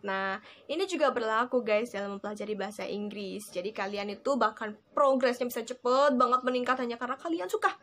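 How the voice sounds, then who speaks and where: A young woman casually talking viewers through tips in a vlog, chatty and often calling them guys. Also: fairly high pitch. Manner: chatty, addresses viewers as guys, lively emphasis. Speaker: vlogger teaching English tips. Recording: faint background noise.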